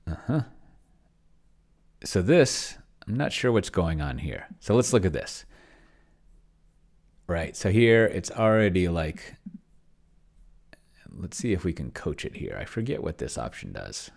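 Pausing often, a middle-aged man speaks in a deep, creaky, slightly mellow voice with big pitch swings and a somewhat slow pace. He hosts a screen share from a home room with shelves, testing an AI dungeon master solo and muttering rambling thoughts to himself as he reads and types.

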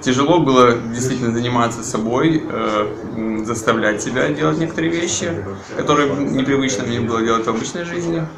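A man's voice: mid-range voice, brisk. Hesitant man in his thirties, echoey crowd. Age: 30s. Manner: hesitant, searching for words. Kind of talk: short testimonial to camera. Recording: echoey spot with a clear crowd behind.

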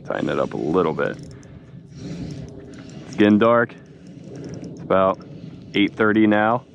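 A young man hosting a fishing vlog from a small boat at dusk, chatting casually and excitedly, saying "dude" a lot. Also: on the low side, measured pace, creaky, muffled recording, a little hiss or hum. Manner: excited, laid-back, says "dude" a lot. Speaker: fishing channel host. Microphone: action camera mounted on cap.

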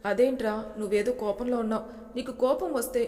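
A woman's voice: a little high, steady tone, brisk, mellow, big-room sound, close to an everyday voice. Give me a woman doing an affectionate middle-aged mother coaxing her son, in a storybook reading.

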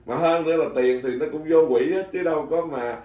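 A Buddhist monk, telling stories in casual chat, animated, laughing often and restarting his sentences. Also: fairly high pitch, fairly quick. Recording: echoey room, mic at a distance.

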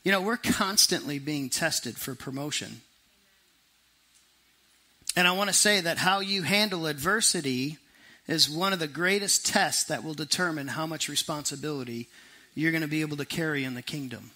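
A middle-aged man preaches to a congregation in an animated, conversational style. His voice is strikingly bright and forceful, sitting a little high. He tosses off quick asides, then slows right down to stress a point. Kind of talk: sermon.

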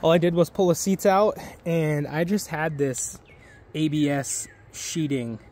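A man in his thirties talks slowly and easily, rambling with fillers in a slightly high voice. He films himself on a handheld camera out in a yard, with faint outdoor sound behind him. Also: a little mellow, a little hiss or hum. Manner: laid-back, rambling with fillers. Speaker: vlogger. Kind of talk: casual vlog walkthrough. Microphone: handheld camera at arm's length.

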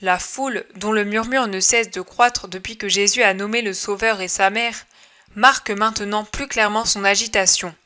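A woman reading a religious text aloud as audiobook narration, in a measured, expressive manner. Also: mid-range voice. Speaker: audiobook reader.

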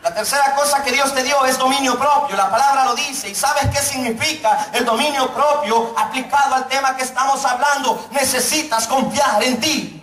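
A middle-aged man preaching to a youth congregation, his voice pitched very high. He jokes with the crowd and then drags out key phrases. The room is echoey and the mic sits some way off. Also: a bit bright, recorded from a distance. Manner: joking, calls out to the congregation, preaches slowly for emphasis. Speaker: pastor. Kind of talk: sermon. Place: church hall.

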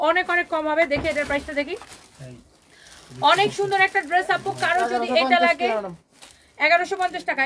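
A woman hosting a live online clothing sale, talking in a fast, emphatic, repetitive sales patter that mixes in English words. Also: extremely high pitch, bright, forceful tone, slight background noise. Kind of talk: live-stream sales pitch.

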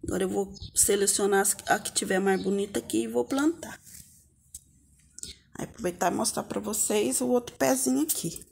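A Brazilian woman leads an informal, hands-on gardening tutorial outside in a home yard with potted plants, speaking to viewers as little friends in a homely way. Her medium-pitched voice is creaky and darkish, at normal speed, against slight background noise.

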